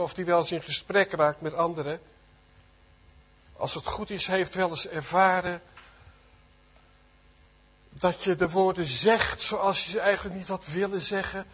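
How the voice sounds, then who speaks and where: A middle-aged male preacher delivers a sermon in a church service, earnest and fervent. His voice is high for a man and husky, and he keeps putting rhetorical questions to the congregation.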